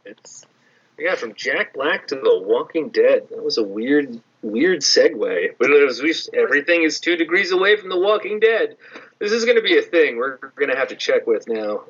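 A man's voice: a little high, expressive, normal speed, a bit bright, husky. A man co-hosting a podcast in casual chat, wandering into tangents. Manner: rambling, tangent-prone. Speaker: podcast co-host. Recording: dull lo-fi sound.

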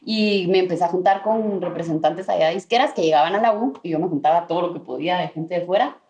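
A young Guatemalan woman, a singer-songwriter, telling stories in a casual interview, lively and sprinkling in English words. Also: on the low side, quick pace, lo-fi sound. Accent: Guatemalan Spanish. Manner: animated, mixes in English words. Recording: roomy echo.

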